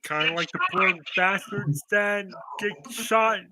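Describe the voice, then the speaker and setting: A man's voice: high voice, slow pace, background noise. A man in his twenties co-hosting a podcast over a video call, rambling casually and laughing often. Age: 20s. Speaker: podcast co-host.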